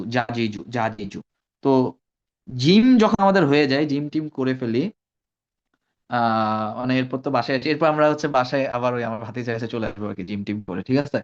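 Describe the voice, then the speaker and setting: A man leads an online Arabic pronunciation class, repeating syllables and coaching students by name. His voice is mid-pitched. The call audio sounds a little muffled. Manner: drills sounds slowly, corrects students by name. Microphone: video call.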